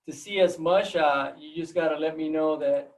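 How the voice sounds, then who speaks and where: This guest seminar speaker, a biology professor from Puerto Rico, talks in a relaxed, storytelling way over a video call, frequently repeating words. His pitch is on the high side and his pace moderate, recorded from a distance. He speaks Spanish natively and has a Puerto Rican accent.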